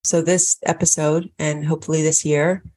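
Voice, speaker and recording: A woman's voice: sits low, level tone, normal speed, a little mellow, no room sound, studio quality. A woman co-hosting a podcast, talking reflectively with fillers and restarts. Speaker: podcast co-host. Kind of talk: casual podcast talk.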